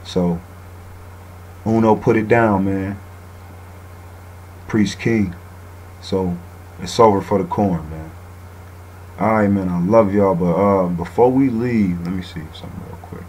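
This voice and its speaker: A man with a very low voice hosts a laid-back radio talk show. He reads a passage aloud, then riffs on it casually in his own words, often tagging his lines with "man." A faint hiss sits under his voice. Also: a little slow, long pauses, a little mellow, low-quality recording.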